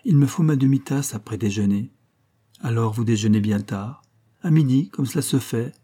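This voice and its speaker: A man's voice: medium pitch, moderate pace, mellow, husky, close to an everyday voice. A man voicing an affected middle-aged woman posing as a Parisian countess, with a theatrical, wistful, mock-aristocratic manner. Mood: plaintive.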